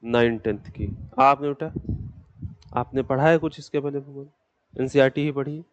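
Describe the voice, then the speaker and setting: A man's voice: medium pitch, moderate pace, no echo, lo-fi sound. A man teaching a geography class, speaking patiently and in a fatherly way to students who have just joined. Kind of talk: classroom lecture.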